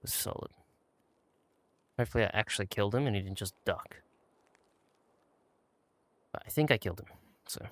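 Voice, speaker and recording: A man's voice: on the low side, normal speed, long pauses, no echo. A man giving laid-back, casual commentary as he plays a game and talks himself through it. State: out of breath at times. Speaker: gaming channel host.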